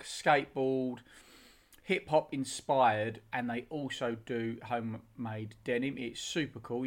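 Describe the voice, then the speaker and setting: Jokey British man, mid-pitched podcast voice. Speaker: podcast co-host. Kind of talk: casual podcast chat.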